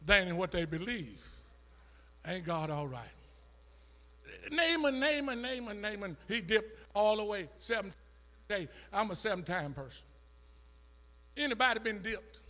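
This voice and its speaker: Preaching in a church with a Southern American accent, a man calls out to his congregation and rises into a sung, chanted whoop. His high, bright voice is forceful and expressive, unhurried and full of pauses, and the delivery is emotional, dialect-rich call-and-response.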